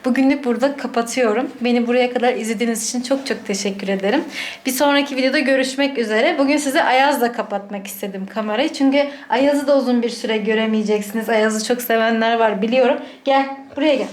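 A woman vlogging casually at home, speaking softly and gently while her child sleeps nearby. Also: a little high, quick pace. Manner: soft and hushed beside a sleeping child. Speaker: vlogger, mother. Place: indoors at home. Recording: echoey room, faint ambience.

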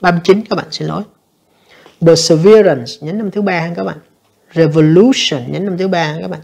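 A woman teacher, going through an English exam answer by answer and reading the English lines slowly. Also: lowish voice, fairly even intonation, gravelly, a little mellow. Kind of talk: exam review lesson.

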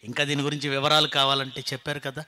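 A middle-aged man preaching a sermon, firing rhetorical questions and swinging from loud exclamations to quiet asides. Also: medium pitch, completely flat delivery, quick pace.

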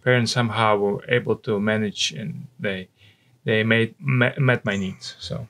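Low, creaky Russian-accented man. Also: steady tone, unhurried, fairly bright tone. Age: 40s. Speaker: interview guest, missionary. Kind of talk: conversational personal recollection. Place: indoor studio. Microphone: microphone on a stand, close.

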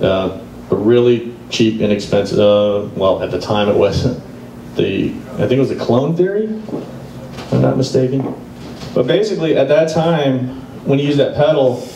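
A man's voice: fairly low pitch, dark tone, a little hiss or hum. A middle-aged man giving a casual live guitar clinic in a music store, speaking into a handheld mic and explaining as he plays. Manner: casual and explanatory, pausing to play examples. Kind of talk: live demonstration talk. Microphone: handheld microphone. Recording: roomy live sound from a distance. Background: guitar playing.

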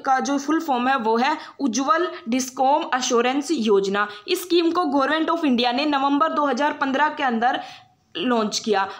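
High-voiced woman teaching exam prep. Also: fairly bright tone. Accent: Haryanvi Hindi. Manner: explanatory, repeats herself, frequent fillers and restarts, mixes English terms.

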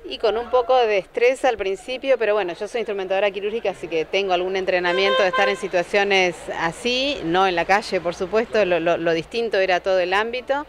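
On an outdoor city sidewalk, a surgical technologist in her forties with an Argentine Spanish accent gives a street news interview into a handheld reporter microphone. She speaks calmly and measuredly at medium pitch, often restarting her words, with crowd noise and faint street noise behind.

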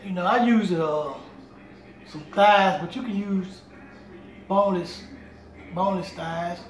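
A man's voice: high-pitched, slow pace, distant mic. Chatty man cooking in a home kitchen. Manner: chatty, repeats himself while working; talks while moving around the kitchen. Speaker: home cooking show host. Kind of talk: casual cooking demonstration. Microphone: camera on tripod across the kitchen. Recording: roomy sound from a camera across the kitchen, noisy. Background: clatter of pots and dishes.

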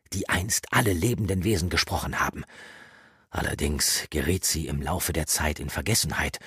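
A man voicing a gruff, guarded older male mentor in an audiobook, speaking in a grave, lecturing way with a husky voice. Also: low voice, fairly bright tone, dry recording, studio quality, exaggerated voice. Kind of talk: audiobook character reading.

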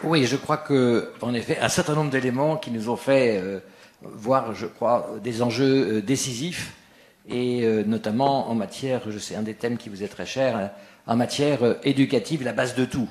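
A man's voice: medium pitch, moderate pace, darkish tone. A man moderating a panel, introducing the next guest in long winding sentences broken by many hesitations. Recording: echoey hall sound.

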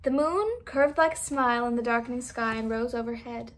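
A woman reading a children's picture book aloud, expressive and playing the sound effects. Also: a little high, fairly quick. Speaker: storybook reader. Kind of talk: children's storybook read-aloud.

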